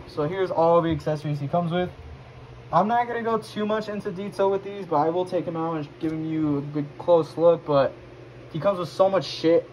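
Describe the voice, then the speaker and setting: A drunk man with a slightly high voice hosts a casual review over clearly audible background noise. He rambles loosely, swears freely and repeats himself as he loses his thread. It sounds like an unscripted home recording. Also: a little mellow, low-quality recording. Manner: rambling and foul-mouthed. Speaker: host of a toy review video.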